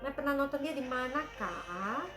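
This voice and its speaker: A woman in a fairly high register chats through a drama review, mixing English phrases into her talk. Her voice carries a roomy echo, and soft music plays underneath. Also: lively intonation, moderate pace. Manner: chatty, calls herself by name, mixes English phrases. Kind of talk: casual drama review chat.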